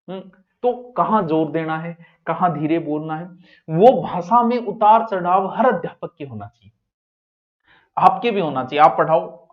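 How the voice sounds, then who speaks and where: High-voiced male teacher, jokey and dynamic, captured on dull lo-fi classroom audio. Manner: lively, jokey, swings between loud and soft. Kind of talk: exam coaching lecture.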